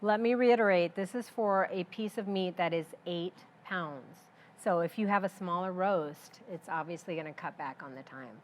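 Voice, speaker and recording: A woman chef explaining a recipe during a cooking demo, relaxed and practical, with frequent fillers. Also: lowish voice, normal speed, a little hiss or hum.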